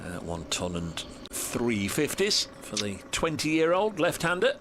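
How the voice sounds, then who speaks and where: A man's voice: mid-range voice, big pitch swings, slow. A man commentating conversationally on cricket, filling in players' records and statistics. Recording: clear background noise, match ambience.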